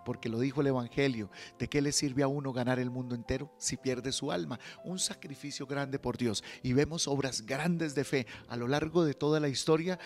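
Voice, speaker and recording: A Colombian priest preaches a storytelling sermon at a middle pitch, often turning to his listeners with questions. Soft music plays faintly behind his voice. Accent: Colombian Spanish.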